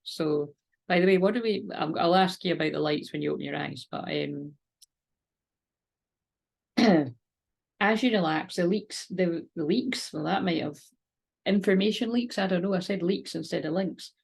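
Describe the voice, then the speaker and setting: A woman's voice: on the low side, moderate pace, vocal fry, long pauses, darkish tone, husky. A woman gives a spiritual card reading in a rambling, informal way, moving between chat and guided relaxation. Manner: rambling, informal, interrupts herself. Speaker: tarot and oracle card reader.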